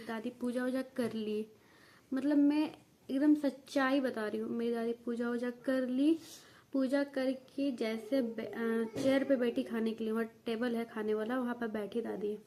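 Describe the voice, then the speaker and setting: A young woman vlogger speaks in a fairly high, warm, steady voice at a slightly slow pace, telling viewers a family story from home. She rambles casually, restarting often, using lots of fillers, coughing now and then, and addressing the camera directly.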